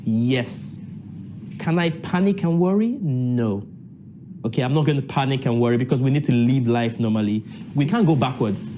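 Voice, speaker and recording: A man's voice: medium pitch, normal speed, warm tone, slight background noise. A man from Nigeria, talking emphatically in an interview, repeating phrases and asking himself questions. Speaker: university lecturer and assembly delegate. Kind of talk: casual interview.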